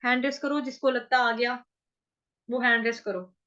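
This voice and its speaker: High-voiced woman teacher, slow and bright, going over each syllable again and again, dull lo-fi sound. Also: steady tone. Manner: slow syllable-by-syllable drilling, repeating words many times. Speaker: Sanskrit recitation teacher. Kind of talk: online chanting class. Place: online class.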